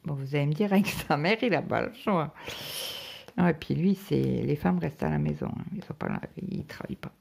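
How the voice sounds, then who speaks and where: Middle-aged woman, craft vlogger, casual rambling chat with lots of "euh", low voice with a husky edge. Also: a little fast, darkish tone. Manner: rambling storytelling full of "euh" fillers.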